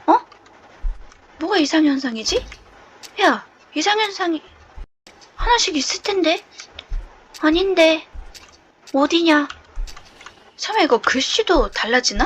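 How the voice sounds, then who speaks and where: A woman playing a horror game and chatting nervously as she explores, often shouting and laughing from fright. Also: sits high. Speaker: game streamer. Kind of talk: horror game let's play.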